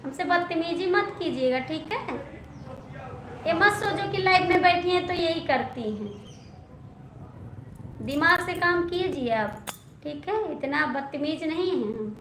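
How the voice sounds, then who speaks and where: A woman's voice: very high-pitched, animated, unhurried, long pauses. A woman from Gonda district, chatting with viewers on a live stream in a coaxing, teasing way and scolding sharply. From Gonda district, Uttar Pradesh, India. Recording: echoey with loud traffic noise.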